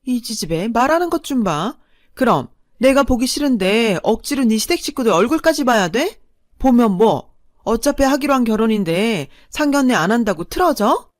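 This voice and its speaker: A woman voicing a harsh, selfish middle-aged mother who berates her daughter in a shrill voice. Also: dry recording, clean studio sound, lightly acted.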